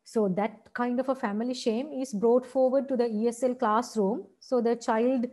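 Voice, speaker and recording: A woman with a Sri Lankan accent lectures at a teacher-training seminar in a fairly high, steady, mellow voice at a moderate pace. She explains things point by point and checks in with "right?".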